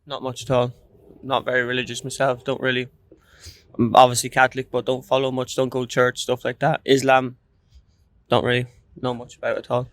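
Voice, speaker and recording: A man's voice: mid-range voice, completely flat delivery, brisk, a bit bright, no echo. A young man with an Irish accent chatting casually in a laid-back, noncommittal way. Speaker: street interviewee. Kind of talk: casual chat.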